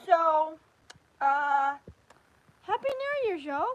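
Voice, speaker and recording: A high-pitched woman hosts a casual stream about anime. She rambles and restarts her sentences, her voice lively and chatty. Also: very slow, highs cut off, a little hiss or hum. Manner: rambling, animated, with frequent restarts and fillers. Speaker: livestream host. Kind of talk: casual anime review chat.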